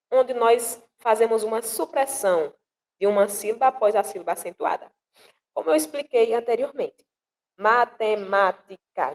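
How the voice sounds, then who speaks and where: A woman from northeastern Brazil, a poet, teaching verse meter in a slow, deliberate way and sounding out syllables one at a time. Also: mid-range voice, darkish tone, poor audio. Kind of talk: explanatory lesson with recited verses.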